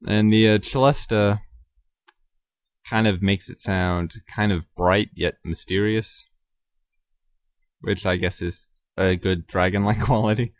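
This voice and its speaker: A man hosting his own podcast, talking casually and haltingly about composing, with many ums and self-corrections. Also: on the low side, steady tone, no room sound, clean studio sound. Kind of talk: casual solo talk about his music.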